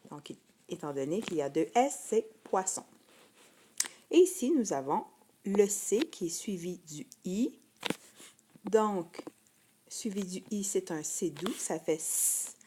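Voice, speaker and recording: A woman's voice: medium pitch, animated, unhurried, warm tone, a little hiss or hum. A woman teacher with a Québécois French accent, giving a patient phonics lesson to first graders and repeating each word twice.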